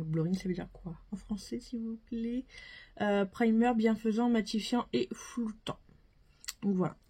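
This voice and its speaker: A woman's voice: mid-range voice, darkish tone, breathy edge. A young woman chatting casually through a makeup haul, chatty and full of fillers. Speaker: beauty vlogger.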